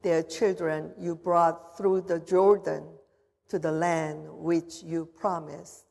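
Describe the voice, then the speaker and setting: A woman pastor leads prayers in a slow, formal way with a fairly low voice. Her words ring out with a long cathedral echo, as if she is speaking in a large, reverberant church. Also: little pitch movement, creaky, darkish tone, a little hiss or hum. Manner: measured, formal liturgical reading. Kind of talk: leading a confirmation liturgy. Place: church sanctuary.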